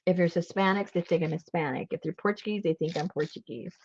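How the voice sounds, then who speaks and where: Quick-paced and a little mellow, this woman's low voice comes through with no room sound but a dull, lo-fi quality. She's a Rhode Island craft livestream host who chats, laughs a lot and tells stories while crafting.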